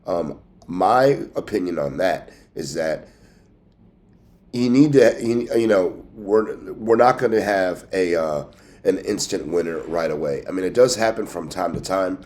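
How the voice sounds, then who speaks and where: A man's voice: low voice, animated, a little slow, a little mellow. A man hosting a sports show in casual commentary, sounding congested and nasal from a cold, as if pinching his nose, with a folksy, conversational manner. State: has a cold with a scratchy throat. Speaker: host of a sports team news show.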